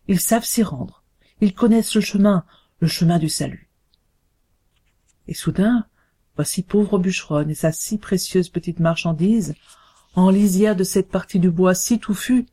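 A woman's voice: mid-range voice, dark tone, breathy edge. A woman reading a story aloud in a lyrical, incantatory way, repeating phrases like a chant. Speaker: narrator.

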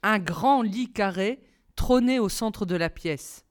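A woman narrating a children's novel aloud in a steady, measured storytelling manner. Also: mid-range voice.

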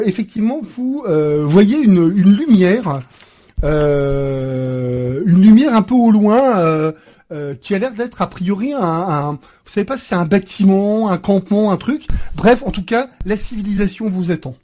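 A man with a notably high voice narrates a tabletop game as its game master. He hesitates often, filling gaps and restarting his sentences. He drops playful sound effects into his scene-setting, heard over a computer microphone on an online call. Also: expressive, a little slow, mellow.

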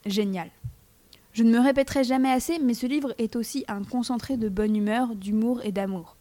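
A woman's voice: on the high side, normal speed, mellow. A teenage girl reading a scripted book review for a school radio show, playful and teasing as she speaks straight to her listeners. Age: teens.

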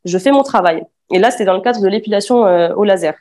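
A woman's voice: mid-range voice, fast talker, a little mellow. A woman in her twenties from Afghanistan, giving a spoken personal testimony with frequent fillers and restarts. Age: 20s. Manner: hesitant, many fillers and restarts.

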